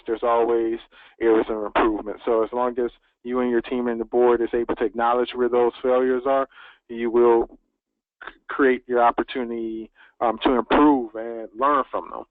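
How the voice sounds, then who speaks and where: A man speaking as a webinar panelist, giving steady advice with some fillers. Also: mid-range voice, dry recording. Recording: dry, tinny phone-line audio.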